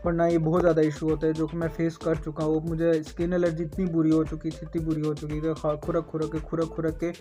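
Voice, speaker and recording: A Pakistani-accented man with a somewhat high voice speaks in a casual advice vlog. His delivery stays flat and even as he circles back to his points. Soft music plays faintly behind him. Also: quick pace, few pauses. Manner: conversational, repeats himself, rambling asides. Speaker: vlogger.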